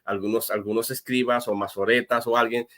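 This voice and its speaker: A pastor explaining a Bible question as an interview guest, earnest and step by step, with frequent fillers and restarts. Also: male voice, medium pitch, little pitch movement, a little fast, fairly bright tone. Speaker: guest answering viewer questions.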